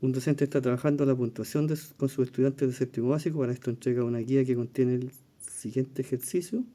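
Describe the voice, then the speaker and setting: A Chilean man with a very dark, mellow voice leads an exam-prep lesson. He explains each question patiently, thinking aloud, pausing on fillers and asking "¿ya?" as he goes. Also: mid-range voice, steady tone. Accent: Chilean Spanish. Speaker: teacher reviewing exam questions.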